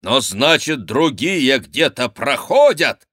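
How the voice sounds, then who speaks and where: A man's voice: medium pitch, animated, measured pace, pushed and bright, dry recording, studio quality, voice pushed up. A man voicing an impatient, demanding thin male jester who questions sharply in an audiobook.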